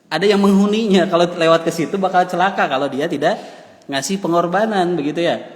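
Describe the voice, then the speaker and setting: Man with a Sundanese accent, preaching in a mosque, higher voice, long hall echo. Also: brisk. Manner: storytelling, reciting Arabic and translating, mixing in regional words. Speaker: religious teacher. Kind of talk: mosque lecture.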